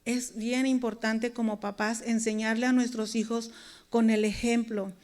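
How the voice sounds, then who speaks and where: A woman's voice: fairly high pitch, flat delivery, a little slow, a little mellow. A woman preaching a sermon, talking to her congregation in an earnest, conversational way. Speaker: preacher and worship leader.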